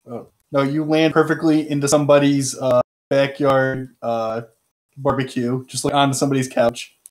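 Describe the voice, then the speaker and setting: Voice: mid-range voice, little pitch movement, normal speed. A game master improvising narration and rulings casually for a tabletop role-playing game.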